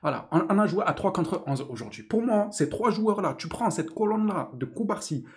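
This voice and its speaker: A man's voice: high voice, animated, fairly quick, slight background noise. A young man giving an angry, sarcastic post-match rant as a football video host. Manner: indignant, sarcastic, mocking. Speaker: football commentator youtuber.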